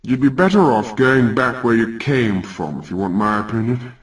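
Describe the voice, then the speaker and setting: A man's voice: mid-range voice, expressive, normal speed, far from the mic, lightly acted, poor audio. A man voicing a huge, sleepy male giant who talks in a lazy, offhand, condescending way. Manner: lazy, mumbling, patronizing. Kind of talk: storytelling character voice.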